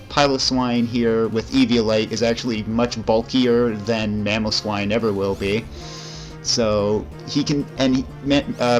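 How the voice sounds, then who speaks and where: A young man giving casual, rambling commentary over a video game, with frequent fillers and self-deprecating asides. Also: medium pitch. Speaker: let's play commentator.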